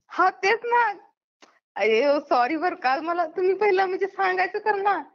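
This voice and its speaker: Her voice is very high, expressive and creaky, moving at a moderate pace. She's a YouTuber with a Maharashtrian accent taking a prank call, asking question after question in a blunt, casual way over a muffled, lo-fi phone connection.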